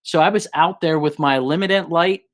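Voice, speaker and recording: Hosting a live show, a man with a higher-leaning, brisk voice chats casually and shares work stories. He's relaxed but restarts his sentences often.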